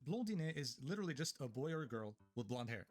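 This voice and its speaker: A man's voice: mid-range voice, sing-song, fast. A man narrating a commentary video in a scripted way, with sarcastic, mocking asides.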